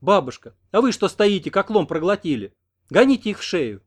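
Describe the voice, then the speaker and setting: A man reading an audiobook, voicing an indignant young woman who scolds in a sharp, ringing voice. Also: high-pitched, big pitch swings, a little fast, husky, voice pushed up, full character voice.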